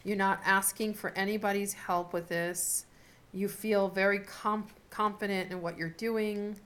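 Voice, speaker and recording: A woman giving a casual, unscripted tarot reading as host, talking in a chatty, halting way as she thinks aloud. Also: mid-range voice, fairly even intonation, a bit bright. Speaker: tarot card reader hosting a video reading. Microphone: camera set up in front of the speaker. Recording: noticeable background noise with clicks.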